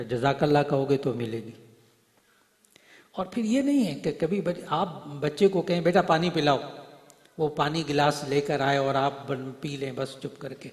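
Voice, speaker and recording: A middle-aged man preaching, telling stories and acting out their dialogue, swinging from soft to loud. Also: mid-range voice. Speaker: Islamic preacher and hadith teacher. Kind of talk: Urdu religious speech to a gathering. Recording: echoey hall, voice through speakers.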